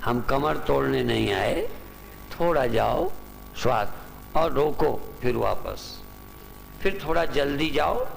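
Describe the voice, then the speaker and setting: A spiritual teacher giving a talk to a gathered group, then leading them through a breathing exercise with repeated short instructions. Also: male voice, medium pitch, gravelly. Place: large hall with a gathered audience. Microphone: loudspeaker microphone. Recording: long reverb in a hall, faint noise.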